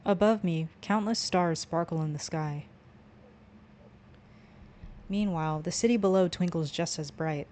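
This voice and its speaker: Lower-voiced woman reading a visual novel. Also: unhurried, long pauses, a little mellow, slight background noise. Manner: reads the narration and the player's lines, stumbling at times. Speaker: streamer.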